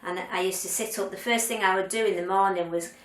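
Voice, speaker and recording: A candid, chatty woman in her later years talks to her viewers in a relaxed vlog style, pausing on ums and restarting her sentences. Her voice sits at a middle pitch. It is heard from a little way off the mic in a roomy, echoing space. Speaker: vlogger. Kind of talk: casual chat to camera. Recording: roomy sound, mic at a distance.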